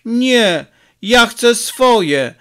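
A man's voice: very high voice, expressive, very slow, fairly bright tone, clean tone, voice pushed up, exaggerated voice. A man voicing a stubborn, hurt six-year-old boy who pleads and insists, in an audiobook reading. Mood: stubborn, plaintive.

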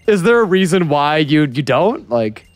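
A man's voice: a little high, very animated, moderate pace, no room sound, soft background music. A nineteen-year-old man co-hosting a gaming playthrough, easygoing and laughing often as he chats. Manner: easygoing, laughs often, says "bro" and "dude". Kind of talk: casual chat over gameplay.

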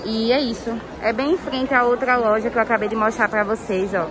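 A woman's voice: on the high side, fairly even intonation, brisk, crowd noise. A woman touring a clothing market on her phone camera, talking through a face mask and pointing things out to viewers. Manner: chatty, keeps saying "ó" and "olha só" to viewers. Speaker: shopping vlogger. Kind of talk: casual market tour vlog. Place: busy indoor clothing market. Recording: crowded market noise behind.

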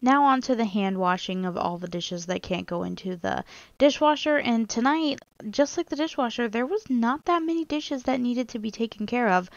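A woman's voice: mid-range voice, vocal fry, dry recording, lo-fi sound. Chatty young woman narrating a cleaning vlog. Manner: chatty, laughs often. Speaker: cleaning vlogger. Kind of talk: casual voice-over narration.

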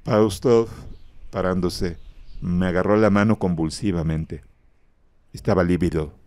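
A man narrating a horror story in a grave, measured way, close to the microphone. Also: low voice, steady tone, darkish tone, no echo.

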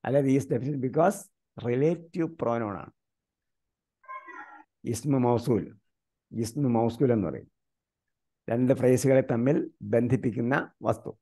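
Teaching grammar online, a man from India asks his students the same questions again and again and recites terms slowly. His voice is mid-range with a dark tone.

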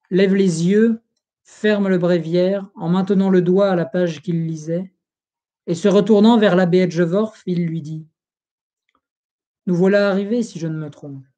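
Narrator: solemn audiobook reader of an old history book, mellow, steady. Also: medium pitch. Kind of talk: reading a history book aloud.

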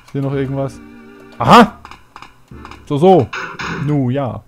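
Chatty German let's player. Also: male voice, mid-range voice, lively intonation, unhurried, vocal fry, fairly bright tone, lo-fi sound, soft background music. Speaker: let's play gamer. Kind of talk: casual game commentary.

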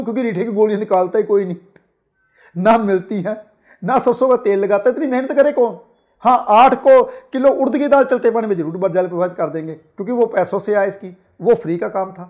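A man in his forties, an astrologer on a talk show, telling anecdotes and acting out the voices of the people in them. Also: high-pitched. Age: 40s. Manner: animated storyteller acting out dialogue. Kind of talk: storytelling talk show monologue.

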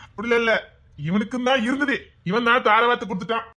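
A man playing a high, bright-voiced teasing pal. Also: steady tone, quick pace. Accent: Tirunelveli Tamil. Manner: mocking, needling. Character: teasing young man mocking his heartbroken friend. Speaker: comedy sketch actor. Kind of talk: comic sketch banter.

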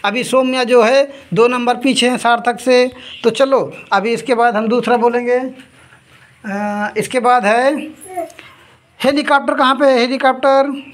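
A woman running a toy-finding game for two children. She keeps up lively play-by-play commentary and rapidly repeats item names to hurry them along. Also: fairly high pitch. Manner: scolds and laughs between rounds.

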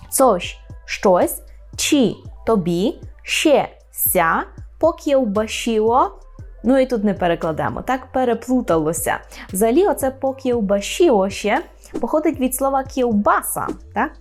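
A woman teaching an online language lesson, explaining slowly and repeating each phrase with a frequent checking "right?". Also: a little high, a little mellow.

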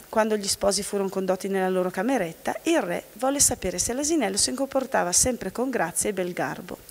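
A woman from the audience reading a fairy tale aloud in a steady storytelling manner. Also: medium pitch. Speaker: volunteer reader from the audience. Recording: long hall reverb.

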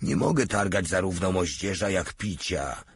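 A man's voice: low-pitched, normal speed, slightly rough. A man doing a big stubborn sly soldier. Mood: sulky. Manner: sulky, wheedling.

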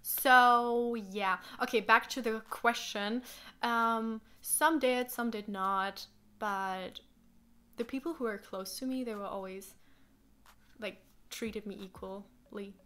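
A young woman, German by first language, speaks slowly with a sharp, smooth voice on the high side and fairly even intonation. Chatting casually in a small living room with a sofa, she answers questions with plenty of fillers and acted-out quotes.

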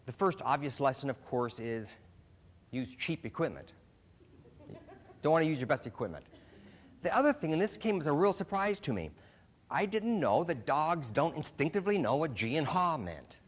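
A man's voice: a little high, sing-song, moderate pace. A middle-aged man from Alaska giving a short humorous stage talk, telling a story with self-deprecating comic timing. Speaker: speaker.

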